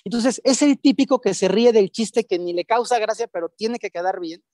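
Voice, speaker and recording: A woman's voice: mid-range voice, moderate pace, warm tone, no echo, clean studio sound. A woman with a Mexican accent, a guest therapist who explains her ideas emphatically and with everyday examples during an interview. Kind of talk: teaching in an interview.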